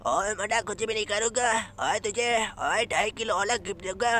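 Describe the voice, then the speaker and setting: A swaggering cartoon cat bosses the others around in a very high, piercingly bright voice, as a man puts him on. It's a comic fan dub laid over gameplay, boastful and pushy throughout. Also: normal speed. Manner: brash, swaggering, calls everyone little one.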